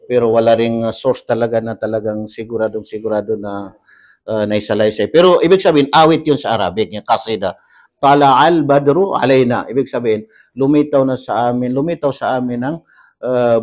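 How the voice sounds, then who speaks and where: Animated man preaching a story. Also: mid-range voice. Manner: animated, voice rising when telling the story; mixes Arabic recitation into talk. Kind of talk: storytelling sermon.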